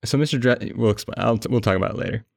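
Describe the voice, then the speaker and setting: A man's voice: mid-range voice, racing, gravelly, no room sound, clean studio sound. A man hosting a podcast in casual chat, recording under a blanket and often laughing as he rambles. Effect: muffled by a blanket over the mic. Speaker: podcast host.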